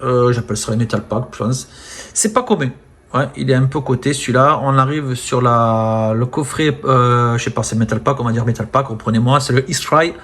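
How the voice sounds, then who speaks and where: A man chatting casually about films from his collection, full of fillers, often trailing off softly at the ends of phrases. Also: mid-range voice, brisk. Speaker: film collector presenting his steelbooks. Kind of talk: casual unboxing-style chat.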